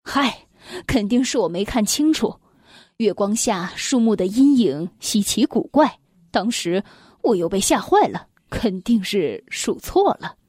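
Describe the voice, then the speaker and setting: A woman's voice: mid-range voice, big pitch swings, a little slow, darkish tone, slightly rough, no room sound, studio quality, pitched below the performer's own voice. A woman voicing an earnest, lovestruck young prince in a children's story, speaking with a heartfelt delivery. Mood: self-reassuring.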